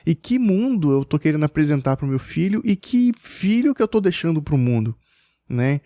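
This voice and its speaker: A man speaks in a mellow, relaxed tone, telling a personal story as a father. He talks hesitantly, restarting his sentences often. His voice sounds dry and close to the mic. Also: fairly high pitch, moderate pace, no room sound. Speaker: podcast guest, father. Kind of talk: personal storytelling in a casual chat.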